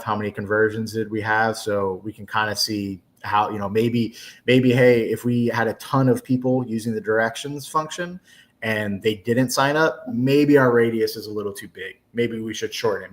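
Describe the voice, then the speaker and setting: Casual low-voiced man explaining ads. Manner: casual, conversational with fillers. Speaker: marketing presenter. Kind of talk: webinar explanation.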